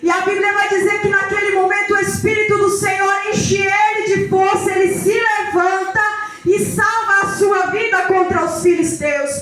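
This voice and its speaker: A woman preaching a sermon in a sing-song cadence, breaking into shouted emphasis. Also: very high voice, steady tone, moderate pace. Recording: echoey room with faint music.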